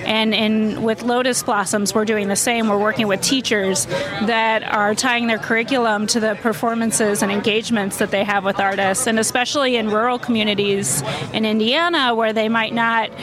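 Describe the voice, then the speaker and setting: A woman's voice: a little high, fairly even intonation, moderate pace. Upbeat woman organizer, crowd behind. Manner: enthusiastic, with fillers. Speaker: festival organizer. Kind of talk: interview answers.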